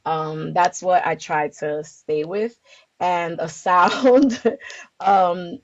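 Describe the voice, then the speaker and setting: On a dull lo-fi recording marked by background noise and clicks, a Bronx, New York community organizer talks extremely slowly in a fairly low voice. She answers the interview casually and hesitantly, hunting for the right words.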